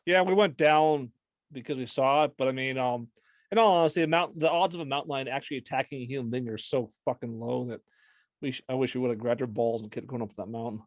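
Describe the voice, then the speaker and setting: A man's voice: mid-range voice, fast, dry recording. A man hosting a podcast in casual chat, blunt and swearing freely. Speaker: podcast host.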